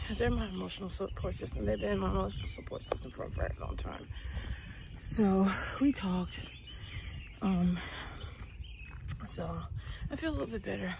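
A woman's voice: mid-range voice, normal speed, vocal fry, pauses often, background noise. A middle-aged woman vlogging while walking outdoors before dawn, tired and chatty, trailing off with ums, recorded on earbuds with a phone held out. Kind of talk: casual chat while walking. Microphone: wireless earbuds, phone at arm's length.

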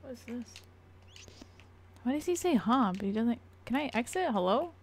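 A woman's voice: a little high, expressive, moderate pace, slightly rough. A woman streaming a horror game, commenting in a casual, joking and profane way. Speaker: gaming streamer. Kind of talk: let's-play commentary.

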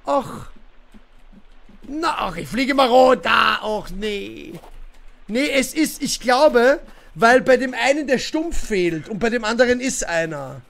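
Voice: medium pitch, sing-song, slow pace, vocal fry. A streamer chatting casually during a livestream, rambling with many fillers and grumbling in exasperation at the game. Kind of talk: casual livestream chat while playing.

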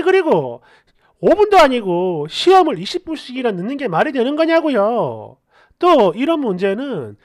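A woman narrator reads online posts and comments aloud, scolding and sarcastic as she goes. Her pitch is mid-range but moves a lot and animatedly. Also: darkish tone.

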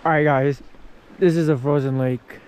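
A travel vlogger on a mountain road trip chats casually to the camera, both outdoors and from inside his car, calling his viewers y'all in a laid-back way. His voice sits a little high, with a steady, slightly mellow tone and a moderate pace. There's a bit of background noise.

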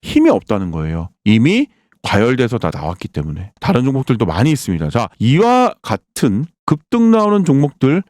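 A man hosting a crypto channel, pitching trades over a chart and firing rhetorical questions he answers himself. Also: huge pitch swings, brisk, hardly any pauses, a little mellow, no echo, studio quality. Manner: emphatic, quizzes listeners with rhetorical questions and answers them himself. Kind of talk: sales-pitch chart walkthrough.

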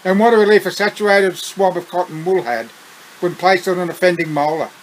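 A man with an Australian accent reading his own story aloud, unhurried, breaking off for chuckling asides. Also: sits high, slight background noise, poor audio.

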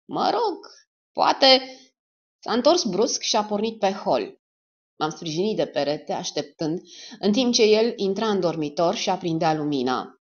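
A woman narrating a dark crime audiobook in a steady, measured reading voice. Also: lowish voice. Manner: steady, measured reading with lively rises and dips. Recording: slightly dull lo-fi recording.

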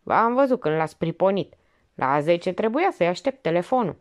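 A woman's voice: lowish voice, sing-song. Audiobook: woman as petty male criminal, coarse and colloquial. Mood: sly. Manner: slangy, colloquial.

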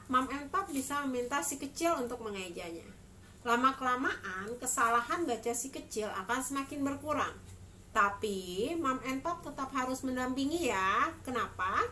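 Mom explaining how to teach reading, highish bright voice, says everything really carefully, some room noise. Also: female voice, far from the mic. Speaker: mother teaching her children to read. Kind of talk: instructional talk to parents. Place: small room at home, indoors. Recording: clear background noise, room ambience.

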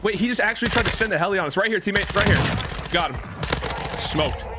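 A man commentating his own gameplay, excitable and trash-talking, swearing often. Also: high-pitched, a little fast, very noisy. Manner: excitable, swears a lot, trash-talks opponents. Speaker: gaming creator. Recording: loud game gunfire behind voice.

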